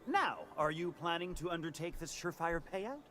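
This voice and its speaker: An actor playing a smug male merchant who says wink out loud, in game audio over music. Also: on the high side, expressive, moderate pace.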